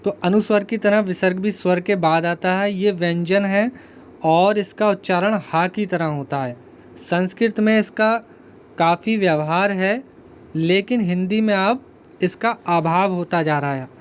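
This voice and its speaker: A man with a high voice teaches an exam-prep grammar lesson. He explains step by step, repeats key terms and puts questions to the viewer. A faint hiss runs under the recording. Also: measured pace.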